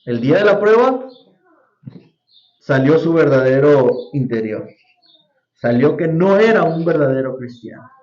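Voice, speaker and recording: Leaning high in pitch with a darkish tone, a man gives a Sunday school Bible lesson, regularly quizzing the congregation. The setting is a church hall, recorded in a roomy, dull lo-fi way.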